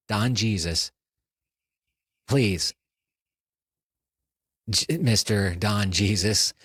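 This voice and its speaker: A man's voice: mid-range voice, a bit bright, no echo. A man hosting a comedy podcast, playing an incredulous, exasperated interviewer.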